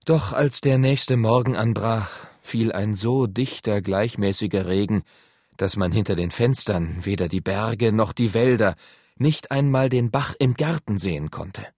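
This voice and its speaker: A man narrating an audiobook in an expressive storytelling manner. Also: fairly low pitch, measured pace, dry recording, studio quality. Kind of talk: scripted narration.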